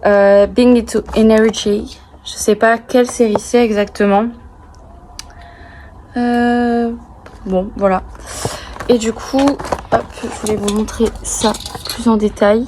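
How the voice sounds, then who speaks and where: Young girl vlogger, bubbly and gushy, slangy casual chat, recorded outside with clear traffic noise behind her. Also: fairly high pitch, slow pace, pauses often, poor audio. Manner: bubbly, gushing, girlish excitement with slang. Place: outdoors near passing cars.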